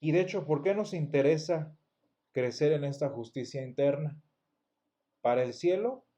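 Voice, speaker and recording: A man's voice: on the high side, animated, moderate pace, warm tone. Man teaching a church Bible lesson. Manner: explanatory, asks the class rhetorical questions; restarts words often. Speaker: Sunday school teacher.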